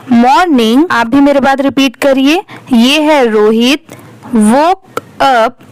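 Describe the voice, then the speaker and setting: A woman with an Indian accent teaching English reading, spelling out words letter by letter and repeating each one slowly. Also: sits high, no room sound, low-quality recording. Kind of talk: slow word-by-word reading lesson.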